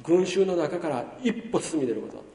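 A man's voice: on the high side, moderate pace. Male pastor, sermon, bursts of emphasis, heard from afar in a reverberant church hall. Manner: lively preaching, swinging between loud emphasis and hushed asides. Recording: roomy hall reverb from far off.

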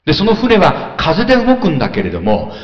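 Male pastor, animated sermon delivery, fairly high voice, roomy lo-fi hall recording. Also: fairly quick. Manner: animated storytelling preacher, mimics muttering crowds. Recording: echoey hall, dull lo-fi sound.

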